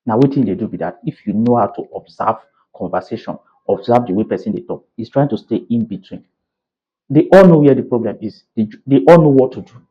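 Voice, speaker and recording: A man's voice: medium pitch, fairly quick, breathy edge. Opinionated Nigerian man commenting, lo-fi. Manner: opinionated, mixes in Pidgin, asks "you understand?". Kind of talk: casual commentary.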